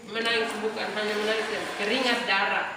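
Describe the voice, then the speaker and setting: A woman's voice: mid-range voice, level tone, background noise. Woman teaching from far off in an echoey room. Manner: explains slowly with repeated "ya" asides, drawn-out words. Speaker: religion teacher. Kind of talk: classroom lecture.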